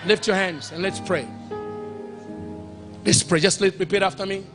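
A man's voice: high voice, steady tone, moderate pace, a bit bright, faint music behind. A male preacher telling a story in a sermon and leading prayer, emphatic, repeating phrases and calling out to the congregation. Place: church or conference hall in Ghana.

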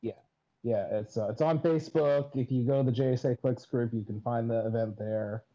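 A man's voice: mid-range voice, fairly quick. A man guest on a podcast, talking in a hesitant, self-deprecating, apologetic way. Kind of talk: casual chat. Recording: dull lo-fi sound.

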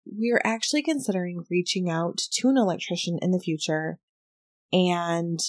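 Clean studio audio without room sound captures a woman with a low voice talking at normal speed. Hosting a relaxed podcast, she reviews audio from a paranormal investigation, explaining thoughtfully and frequently hedging.

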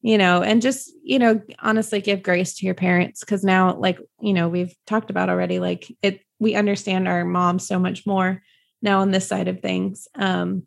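A woman's voice: medium pitch, level tone, normal speed, creaky. A young adult woman, a podcast guest, out of breath and talking casually with lots of fillers while she searches for words. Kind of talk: casual interview chat.

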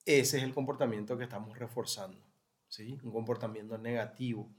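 A man's voice: medium pitch, fairly even intonation, a little fast. A man co-hosting a talk show, explaining parenting ideas and checking in with tag questions. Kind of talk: conversational advice talk.

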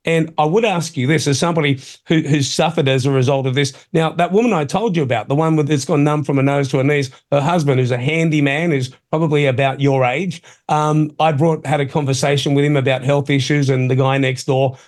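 A man's voice: fairly high pitch, fairly even intonation, fairly quick, few pauses, a little mellow. A middle-aged Australian man hosting talk radio, opinionated and colloquial in a blokey, tradesman-like way, often calling people mate. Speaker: talk show host.

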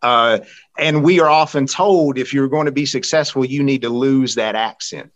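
Male podcast guest, Central Appalachian accent, earnest and conversational, halting delivery with repeated words. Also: medium pitch, highs cut off. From rural Central Appalachia, United States.

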